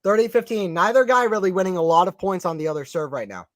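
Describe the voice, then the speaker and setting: A man's voice: high-pitched, no echo, studio quality. A young man doing casual live tennis play-by-play, chatting with viewers and reading the chat aloud. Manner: chatty, reads chat aloud, quick excited calls. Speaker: live stream commentator.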